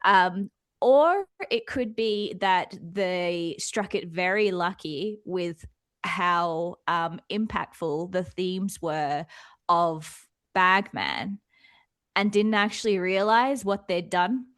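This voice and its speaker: A woman's voice: on the low side, takes it slowly, fairly bright tone, no room sound, clean studio sound. An Australian woman co-hosting a podcast, chatting casually about a film and laughing often. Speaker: podcast co-host.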